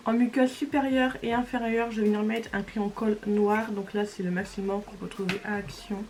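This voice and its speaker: A woman talks through her eye makeup in a relaxed, chatty way, naming each step as she goes. Her voice is mid-pitched. The recording has clearly audible background noise. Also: a little fast. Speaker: beauty vlogger. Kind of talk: makeup tutorial voice-over.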